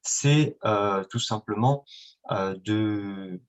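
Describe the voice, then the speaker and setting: The guest, an independent trader from France and Italy, draws out his words in a fairly low, clean-toned voice. He answers the interviewer with many fillers and restarts, captured in a dull lo-fi recording.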